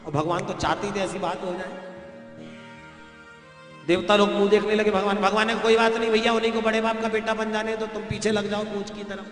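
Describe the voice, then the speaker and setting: A man's voice: high voice, little pitch movement, a little fast, a bit bright. A man preaching a devotional story sermon to an audience, chatty and folksy, with homely examples addressed straight to his listeners. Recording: echoey hall with faint music.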